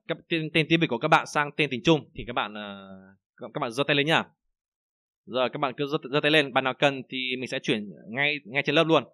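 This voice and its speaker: A young man with a Vietnamese accent teaches an online Chinese pronunciation class in a bright, forward voice. He chats loosely, repeats himself and fills pauses with "uh". The sound is dry and close, with no room around it. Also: medium pitch, dry recording. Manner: chatty, repeats words, many fillers; slow, loud model readings of Chinese phrases.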